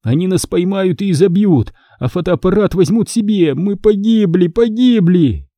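A man's voice: sits high, animated, moderate pace, warm tone, no room sound, clean studio sound, pitched above the performer's own voice. A man voicing an anxious boy of about twelve in an audiobook, speaking with urgent pleading in his voice. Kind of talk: audiobook character reading.

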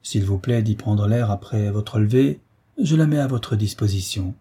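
A man's voice: lowish voice, moderate pace, mellow, slightly rough. A man voicing a gracious, teasing royal princess in an audiobook story, raised to a lighter, playful tone.

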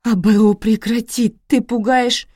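A woman's voice: fairly low pitch, slow pace, dark tone, slightly rough, no room sound, clean studio sound, voice pushed up. A woman voicing a desperate pleading wife. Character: frightened pleading wife and mother.

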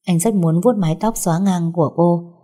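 A woman calmly narrating a romantic drama story. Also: lowish voice, fairly quick. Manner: calm, even storytelling.

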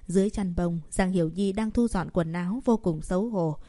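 A woman narrating a serialized romance novel as an audiobook reader, in steady storytelling. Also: lowish voice, brisk, no echo, clean studio sound.

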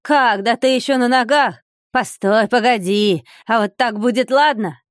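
A woman reading an audiobook voices a furious, fanatical male monk who shouts curses and accusations. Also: a little high, measured pace, no room sound, studio quality, pitched above the performer's own voice, lightly acted. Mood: raging, accusing.

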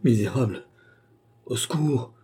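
A man's voice: mid-range voice, expressive, unhurried, dark tone, husky, pitched above the performer's own voice. A man voicing a frightened young working girl in a storybook reading, pleading in a lifted voice. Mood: terrified. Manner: pleading, breathless.

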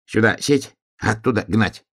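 A man's voice: on the low side, measured pace, gravelly, voice pushed up. A man voicing a small, clever, plotting hedgehog in a children's storybook reading. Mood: eager, plotting.

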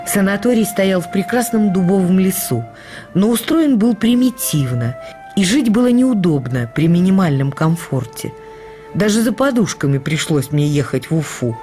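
For a radio production, an actress with a natural voice on the low side reads a memoir as a reflective woman looking back on life with her late husband. Her delivery is measured and expressive in a literary way.

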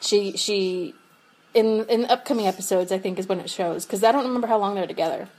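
Over a remote call with poor audio, a young podcast co-host chats casually, giggling often and filling her speech with fillers. She speaks fairly quickly at medium pitch with a darkish tone.

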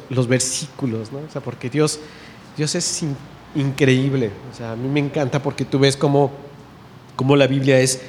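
A man's voice: medium pitch, a little mellow. Man preaching in a reverberant hall. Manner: conversational, asks the audience questions and answers them; reads scripture slowly and emphatically. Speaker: lay preacher. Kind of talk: informal sermon talk. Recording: faint noise, long reverb in a hall.

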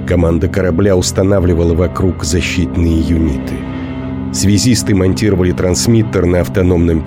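A man narrating a science fiction audiobook in a steady, measured way. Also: sits low.

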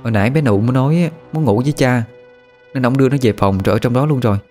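A man voicing an offhand, weary older sister who talks quickly and dismissively. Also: medium pitch, darkish tone, soft background music, pitched above the performer's own voice, lightly acted.

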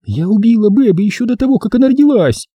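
A man's voice: high voice, animated, quick pace, dark tone, slightly rough, no room sound, lo-fi sound, voice pushed up. A man voicing a terrified young woman pleading for help over the phone, wailing and whispering in hysterics. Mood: frightened.

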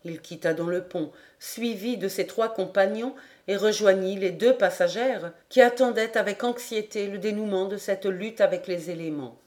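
A woman's voice: medium pitch, moderate pace. Woman reading a classic adventure novel. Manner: steady, expressive reading. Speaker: audiobook narrator.

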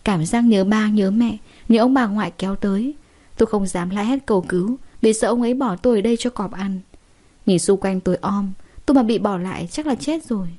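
A young adult woman narrating a first-person story in a steady, dramatic way. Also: medium pitch, a little fast.

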